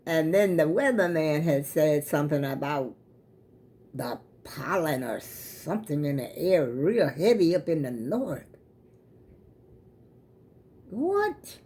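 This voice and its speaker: An American woman talks casually to her online viewers in a slightly low voice. Her sinuses sound plugged up and congested. She tells things in a folksy, rambling, storytelling manner. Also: animated, a little slow, warm tone. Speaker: vlogger. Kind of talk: casual chat vlog to viewers.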